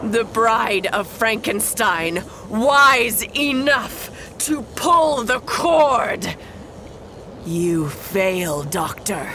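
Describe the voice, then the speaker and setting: A vengeful undead bride from a horror audio play. She speaks extremely slowly and solemnly, sinking into whispers. There is a light noise behind her. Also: a little high, expressive, bright, forceful tone, full character voice. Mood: triumphant doom. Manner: slow, solemn, dramatic, lapsing into whispers. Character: Bride of Frankenstein, vengeful undead created woman. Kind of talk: audio horror drama acting. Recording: noisy background.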